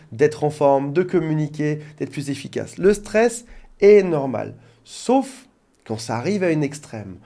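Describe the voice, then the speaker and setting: A man's voice: a little high, dark tone. A man working as a relationship coach, explaining things directly to his viewers in an informal talk, with joking asides. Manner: jokey asides.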